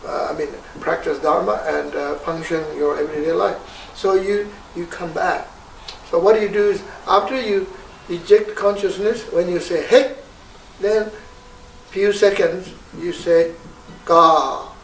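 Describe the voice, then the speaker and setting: Male meditation teacher, very unhurried and halting, gravelly tone, recorded from across a reverberant room. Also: sits high, fairly even intonation, slight background noise. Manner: slow, halting, searching for words; calls out meditation syllables sharply. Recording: roomy, distant mic, faint ambience.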